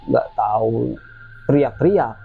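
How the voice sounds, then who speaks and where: A man's voice: medium pitch, takes it slowly, gravelly, slightly rough, faint music behind. A man as a guest, telling a spooky story from his own life in casual chat and acting out the voices of the people in it. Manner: lively retelling, acts out quoted voices. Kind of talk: casual spoken ghost story. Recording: dull lo-fi with faint noise.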